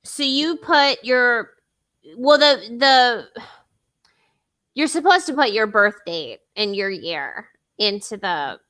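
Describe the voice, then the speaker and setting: A woman's voice: a little high, lively intonation, slow pace, fairly bright tone. A woman co-hosting a casual podcast, chatting with many fillers and restarts. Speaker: podcast co-host. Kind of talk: casual chat.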